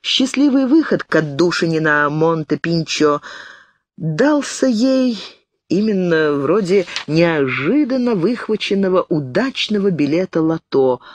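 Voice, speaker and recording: A woman reading an audiobook in a measured, deliberate manner. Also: low voice, very animated, dry recording. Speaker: audiobook reader. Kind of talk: audiobook narration.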